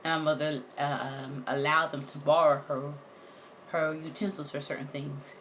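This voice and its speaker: A woman telling a personal story straight to her viewers, animated and emphatic, repeating words for effect and swearing casually. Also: deep voice, moderate pace, a little hiss or hum. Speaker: vlogger.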